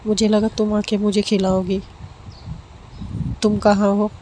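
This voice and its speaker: A woman's voice: mid-range voice, flat delivery, unhurried, warm tone, slight background noise, lightly acted, poor audio. A woman voicing Ananya, an affectionate young woman who talks in a sulky, coaxing way.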